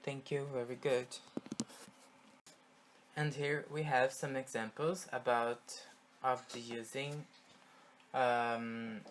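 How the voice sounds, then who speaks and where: A man with a Brazilian Portuguese accent, a native Portuguese speaker, teaching an online English class and drilling words slowly, checking in with "tá?" after each point. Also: medium pitch, slight background noise. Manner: slow, repetitive drilling with frequent "tá?" checks.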